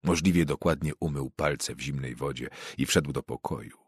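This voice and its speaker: A male audiobook narrator with a very low, husky voice, reading in a measured, even manner. The sound is dry and close to the microphone. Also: no room sound. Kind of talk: scripted narration.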